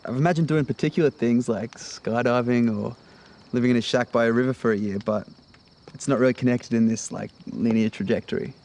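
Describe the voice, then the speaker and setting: A man's voice: mid-range voice, brisk, darkish tone, close to an everyday voice. An actor playing a laid-back, slightly awkward teenage boy in his late teens who hedges with ums, in film dialogue. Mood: easygoing. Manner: hesitant, with many ums, and easygoing. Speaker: high school student.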